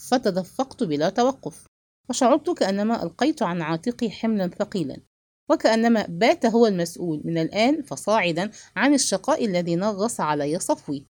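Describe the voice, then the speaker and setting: Expressive woman reading a novel aloud. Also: mid-range voice, no echo. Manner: expressive, measured storybook reading. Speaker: narrator. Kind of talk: scripted narration of a first-person novel.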